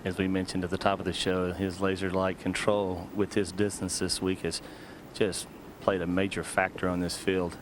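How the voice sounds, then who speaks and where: A man's voice: sits low, flat delivery, normal speed, hardly any pauses. A man giving analysis as a golf commentator during a tournament. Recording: outdoor broadcast, clear ambient noise.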